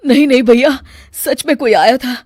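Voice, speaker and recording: A woman's voice: high-pitched, normal speed, darkish tone, no echo, studio quality. A woman voicing a bewildered young adult son in a cartoon, yelping and complaining. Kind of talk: cartoon dubbing.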